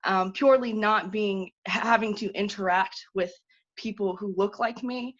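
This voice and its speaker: A woman's voice: medium pitch, fairly even intonation, moderate pace, fairly bright tone. Earnest woman on a muffled video call. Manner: earnest, urgent, many 'um' fillers. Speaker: awardee speaking at a virtual ceremony. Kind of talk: impassioned personal speech. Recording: dull lo-fi video call audio.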